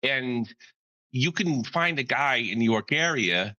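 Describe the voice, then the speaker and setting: A man's voice: mid-range voice, lively intonation, slow, bright, forceful tone, muffled recording. A man from the United States with an American accent, chatting casually in a brash, sweary, rambling way. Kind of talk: casual chat.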